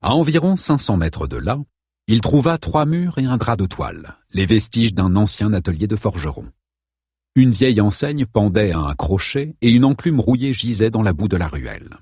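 A man reading a novel aloud as an audiobook narrator, in a steady, measured way. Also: lowish voice, slightly rough, no room sound, clean studio sound.

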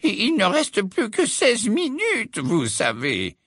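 Flustered elderly professor, scandalized and slow, voiced by a male reader. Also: very high voice, wildly swooping pitch, sharp tone, slightly rough, no echo, clean studio sound, pitched above the performer's own voice, heavily acted.

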